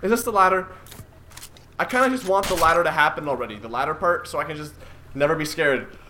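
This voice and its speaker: A man's voice: fairly high pitch, fast talker, pushed and bright, a little hiss or hum. A man giving casual commentary on a horror game, jumpy and swearing, mocking his own fear. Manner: jumpy, swearing, self-mocking, yelps when startled. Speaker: gaming commentator.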